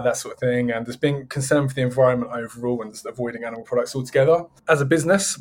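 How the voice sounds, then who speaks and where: Man, average pitch. Small business owner explaining things conversationally in an interview. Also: darkish tone. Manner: explanatory, chatty.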